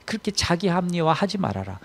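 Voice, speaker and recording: A man preaching a Sunday sermon as pastor, telling a story with emphatic swings in loudness. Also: high-pitched, sing-song, fairly quick, husky.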